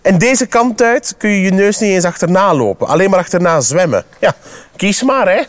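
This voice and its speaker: A smug, boastful frog croaks out his teasing in a high, bouncing voice, as a Flemish man puts him on. He sounds loud and scornful, a show-off from a children's storybook. The pitch leaps up and down. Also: lively intonation, normal speed. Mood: mocking.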